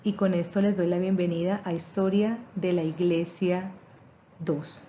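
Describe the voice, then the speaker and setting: A woman's voice: on the low side, steady tone, unhurried, dark tone, lo-fi sound, a little hiss or hum. A woman teaching a seminary class on church history, speaking earnestly with a preaching tone. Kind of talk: recorded class introduction.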